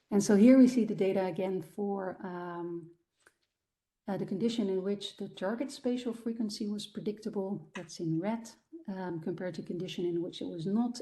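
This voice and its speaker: A woman's voice: medium pitch, mellow. A woman giving an academic lecture about her research findings, explaining step by step with frequent ums and restarts. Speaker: guest lecturer.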